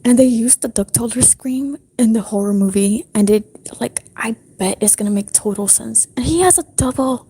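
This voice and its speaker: A young woman talks to her stream in a soft, breathy whisper, rambling along with plenty of fillers. Her voice sits a little high but sounds dark and mellow, and she keeps it low the whole time. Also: normal speed, hardly any pauses. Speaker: livestreamer. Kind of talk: whispered casual stream chat. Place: apartment restroom.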